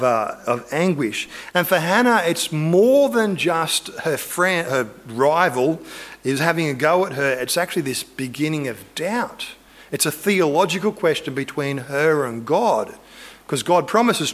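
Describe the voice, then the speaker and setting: A man's voice: on the high side, fairly bright tone. A man preaching a conversational sermon, earnest, acting out quotes and imagined lines. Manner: earnest, acts out biblical quotes and imagined dialogue.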